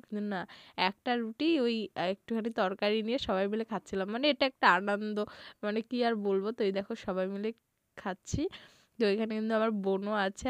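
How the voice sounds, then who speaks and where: Woman vlogger, stuffy with a cold, chatty, talks straight to viewers, a bit high, dry close sound. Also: dry recording. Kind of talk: casual vlog voice-over.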